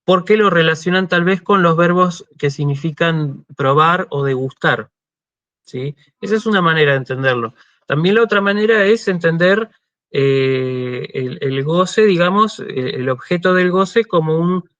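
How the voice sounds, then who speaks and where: A bit bright and slightly high, this Argentine man's voice is recorded without room sound and with the highs cut off. Lecturing university students over video call, he explains patiently and keeps checking in with "¿sí?" amid frequent "este" fillers.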